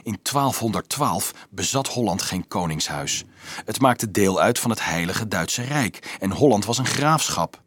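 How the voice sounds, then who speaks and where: A man reading a novel aloud as an audiobook narrator, expressive and shifting his voice for the characters. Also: on the low side, a little slow, husky, dry recording.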